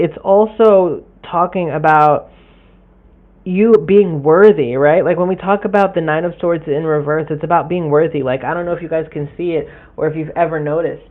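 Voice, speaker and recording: A man hosting a casual live tarot forecast, chatty and frank with occasional profanity as he talks straight to his viewers. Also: a little high. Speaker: tarot reader and livestream host. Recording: tinny phone-like audio.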